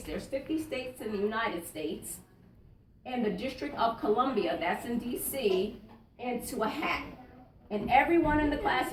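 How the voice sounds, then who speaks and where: A woman reading a picture book aloud to children, stopping to ask them questions and explain words. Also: a little high. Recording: echoey room, voice from a distance.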